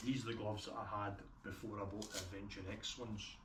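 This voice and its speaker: A man with a broad Scottish accent gives a casual, unscripted gear review in plain-spoken fashion, his lowish voice brisk and flat. The mic is distant, with roomy echo and clear background noise.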